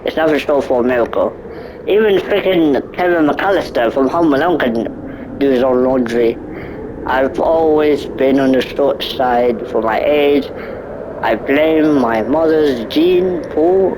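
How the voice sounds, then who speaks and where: A man's voice: medium pitch, measured pace, noisy background. A nineteen-year-old man reading a visual novel aloud, stumbling over words and breaking off for joking asides. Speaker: gaming YouTuber.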